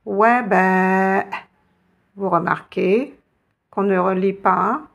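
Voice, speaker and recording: Slow, gravelly-voiced woman teaching. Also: mid-range voice. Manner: patient, instructional, spelling out letters. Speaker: Arabic teacher. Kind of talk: step-by-step lesson narration.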